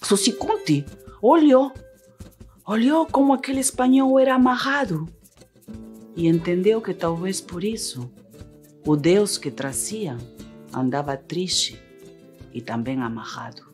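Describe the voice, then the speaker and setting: A middle-aged woman from Peru, telling a tale with deliberate, rhythmic, theatrical phrasing. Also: medium pitch, animated, a little mellow, soft background music. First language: Spanish. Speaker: storyteller. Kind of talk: dramatic oral storytelling.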